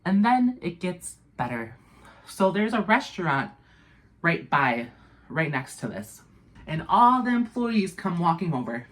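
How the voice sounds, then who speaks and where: A young woman with a notably low voice, telling a wild storytime in a loose, profane, dramatic way. She piles on fillers and asides as she goes. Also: big pitch swings, a little slow, a bit bright. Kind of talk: casual storytime.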